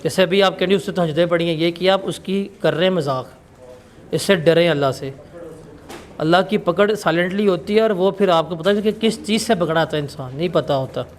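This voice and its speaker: A man's voice: high-pitched, fairly quick. A male teacher giving a classroom lecture in a blunt, scolding, emphatic way.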